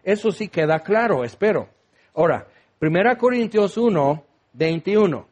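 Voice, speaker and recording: A man preaching a sermon, lively and acting out the voices of the people he quotes. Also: high voice, normal speed. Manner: animated, acts out quoted voices.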